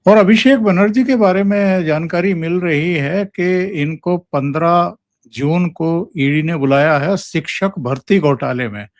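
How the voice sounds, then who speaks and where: A man hosting a political discussion show, asking in a measured, deliberate way. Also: fairly high pitch, no echo, clean studio sound. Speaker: show host.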